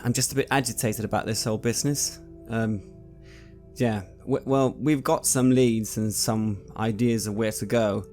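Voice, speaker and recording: Low-voiced man playing in character, hesitant. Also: fairly even intonation, normal speed, a little mellow. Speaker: player. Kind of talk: in-character tabletop role-play. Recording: faint music behind.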